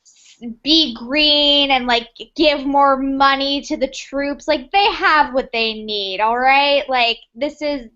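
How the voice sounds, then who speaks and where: A woman plays a stubborn, indignant army commander with a high, sharp voice. The delivery is argumentative and exasperated improv comedy, caught on a slightly dull recording. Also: slow pace, hardly any pauses, heavily acted. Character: indignant, stubborn army commander who sees only green.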